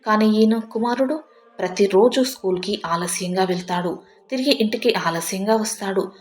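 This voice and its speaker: A woman's voice: mid-range voice, normal speed, lightly acted. A woman voicing a worn-out widowed mother who pleads as she tells of her hardship, in a storybook narration. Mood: weary, pleading.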